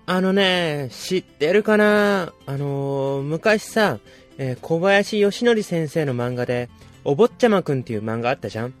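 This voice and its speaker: A man talks on his own in a loose, rambling way, joking his way through a story. His voice sits a little high and swings widely up and down. Faint music plays behind him. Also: lively intonation, unhurried. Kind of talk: casual monologue.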